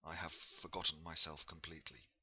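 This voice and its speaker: A man voicing a frail, lonely woman with an educated English accent, hoarse and halting. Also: a bass voice, fairly even intonation, pushed and bright, highs cut off, heavily acted. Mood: fragile. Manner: halting, apologetic. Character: frail, distraught woman settler, refined and lonely.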